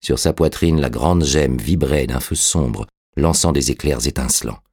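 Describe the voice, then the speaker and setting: A man narrating an audiobook in a measured, steady storytelling manner. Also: extremely low pitch, husky, no room sound, clean studio sound.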